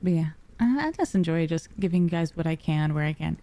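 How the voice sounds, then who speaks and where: A woman livestreamer with a soft, cozy storybook voice, chatting casually and affectionately with her viewers, using pet names. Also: sits low, animated, brisk, slight background noise. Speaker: livestreamer, VTuber.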